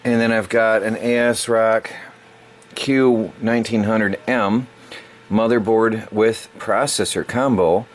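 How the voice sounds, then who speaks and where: A man's voice: lowish voice, fairly even intonation, slow. A middle-aged man hosting a casual unboxing video, rambling and stumbling over words as he corrects himself. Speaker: tech channel host.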